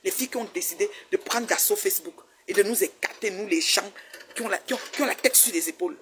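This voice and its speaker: A woman's voice: mid-range voice, fast talker, a little hiss or hum. A woman in her fifties giving a casual, scolding rant, often repeating herself. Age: 50s. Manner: animated, repetitive, scolding. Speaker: online commentator. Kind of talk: casual ranting commentary.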